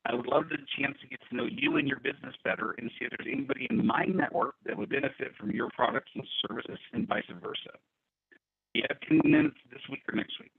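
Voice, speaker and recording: A man coaching sales and acting out a cold call, his voice coming through a thin, tinny Bluetooth call. The audio glitches and cuts out in patches. He speaks at an ordinary middle pitch. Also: huge pitch swings, fast talker, gravelly, husky, dry recording. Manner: role-plays a cold call. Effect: glitchy audio cutting out over a call. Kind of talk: live sales training call. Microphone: Bluetooth headset on a call.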